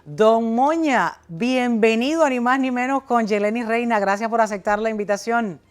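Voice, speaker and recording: A woman's voice: on the high side, normal speed. Spanish-language talk show host woman. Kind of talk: interviewing guests on a talk show.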